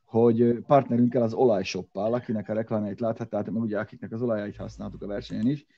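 Speaking from a room separate from his fellow hosts, a man co-hosts a casual car show in rambling spurts marked by fillers and restarts. His voice is lowish and steady in tone, captured with lo-fi sound.

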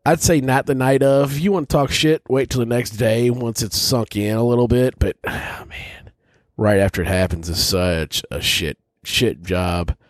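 A man's voice: medium pitch, a little slow, no room sound, studio quality. A man hosting a casual whiskey tasting, talking bluntly and rambling, with frequent swearing. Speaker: whiskey reviewer host.

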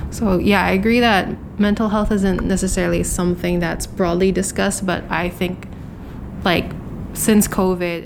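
A young woman from Hong Kong, a podcast guest, telling candid stories quickly with lots of fillers. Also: lowish voice, vocal fry, background noise. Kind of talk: casual interview chat.

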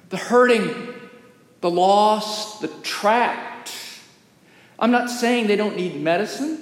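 Male pastor, higher register, slow and measured sermon delivery, live in a reverberant church. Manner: measured, deliberate preaching with long pauses. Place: historic church sanctuary. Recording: echoey sanctuary, long reverb.

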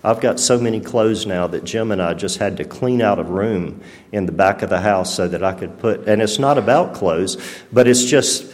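Deep-voiced man giving testimony. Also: darkish tone, big-room sound. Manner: halting, full of restarts and fillers. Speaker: church testimony speaker. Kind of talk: personal testimony. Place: church.

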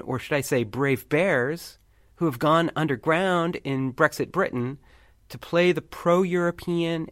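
Higher-pitched male host, very dry sound. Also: dry recording. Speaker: podcast host. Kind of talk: scripted commentary.

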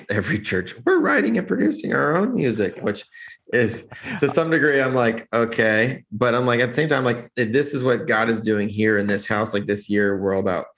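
Low-voiced rambling man. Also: a bit bright. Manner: rambling, earnest, many restarts and fillers. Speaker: church lighting director, guest. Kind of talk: casual podcast interview.

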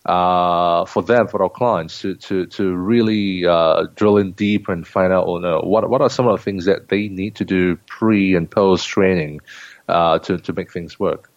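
A man's voice: deep voice, fairly even intonation, measured pace, dry recording, dull audio. A man from Singapore with a Singaporean accent, a consultant talking in an interview with many restarts and fillers. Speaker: guest, leadership trainer and consultant. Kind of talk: interview conversation.

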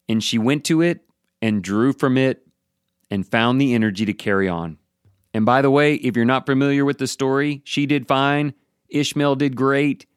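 A man's voice: mid-range voice, smooth, no room sound, studio quality. Earnest man giving a Bible devotional. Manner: earnest, speaks straight to the listener. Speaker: devotional speaker.

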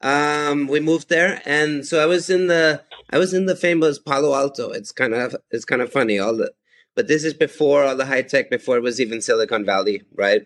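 A man's voice: medium pitch, fairly quick, fairly bright tone. A man in his fifties from Austria, chatting enthusiastically as a podcast guest and laughing often. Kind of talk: casual chat.

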